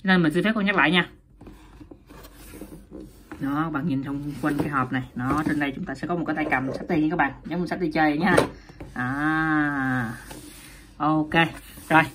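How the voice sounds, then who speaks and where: A woman's voice: low-pitched, moderate pace, pauses often, background noise. A woman reviewing and unboxing a toy in a chatty, casual way, often addressing viewers and laughing at herself.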